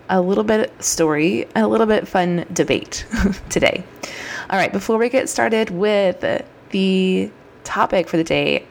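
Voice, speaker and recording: A woman in her thirties hosts her own solo podcast, chatting in an upbeat way. Her voice sits lowish with vocal fry, and her throat sounds a little scratchy and froggy.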